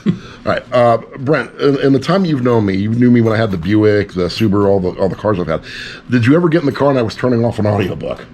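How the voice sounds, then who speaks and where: A man's voice: on the low side, lively intonation, fast talker, a little mellow. A man hosting a casual book chat, sarcastic and swearing offhandedly. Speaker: podcast host. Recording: faint background noise.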